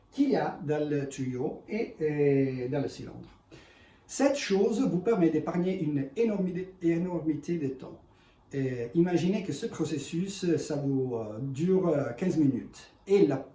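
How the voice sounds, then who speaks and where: A man in gives an unscripted product demonstration in halting, self-correcting, speech. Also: on the high side, warm tone. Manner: halting non-native French with self-corrections. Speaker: ice cream machine presenter. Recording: echoey room, distant mic, faint noise.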